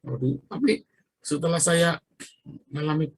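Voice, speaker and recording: A man's voice: on the high side, expressive, normal speed, creaky, husky, no echo. A man preaching a casual, conversational sermon, chatting with his listeners and laughing often between remarks.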